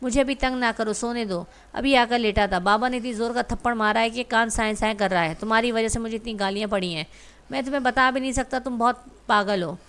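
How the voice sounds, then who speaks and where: A desperate young husband begs and pleads in an audio storybook, as a woman reader voices him. His temper flares quickly, but here he is mostly begging. The voice sits fairly high. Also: fairly bright tone, smooth, natural voice. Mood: irritated. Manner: begging, emotional.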